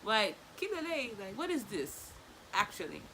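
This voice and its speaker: A woman's voice: medium pitch, sing-song, normal speed, a bit bright, slight background noise, low-quality recording. A woman, chatting casually and animatedly in slangy bursts while she does her makeup. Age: 20s. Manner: talking distractedly while applying makeup. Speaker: vlogger. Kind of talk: casual get-ready-with-me chit chat.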